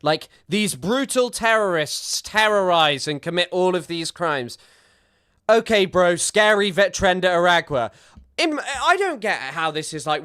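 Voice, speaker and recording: High, pushed, and bright, yet clear and resonant, his voice carries a sarcastic, meandering commentary as he reacts to a clip. It's casual talk, and he frequently starts his sentences over.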